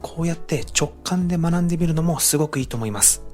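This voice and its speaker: Male book-summary narrator, quick and animated delivery, a bit high-voiced, friendly tone for viewers. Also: soft background music. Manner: upbeat, addresses viewers directly with recommendations.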